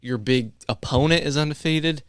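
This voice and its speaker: Male panelist, fired up and pleading, slightly high clear voice, dry sound. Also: moderate pace, no echo. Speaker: sports talk show panelist. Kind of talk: casual sports talk, making picks.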